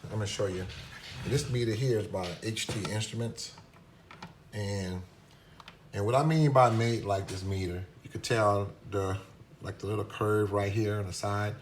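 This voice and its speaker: A man's voice: lowish voice, fairly even intonation, moderate pace, slight background noise. A man giving a casual, hesitant hands-on demonstration at a workbench, with many restarts and fillers, recorded on a phone camera. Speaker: product reviewer demonstrating a meter.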